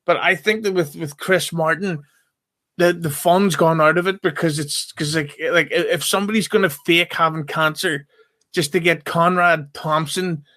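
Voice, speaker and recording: A man's voice: a little high, fairly even intonation, moderate pace, bright, forceful tone. A man in casual podcast chat, earnest and profane, with hesitant starts.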